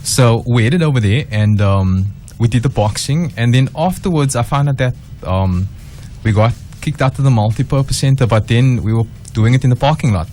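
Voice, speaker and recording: A man's voice: medium pitch, moderate pace, few pauses, warm tone. A man speaking as a radio guest about a boxing club he helps, earnest and rambling. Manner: earnest, rambling, many fillers. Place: radio studio.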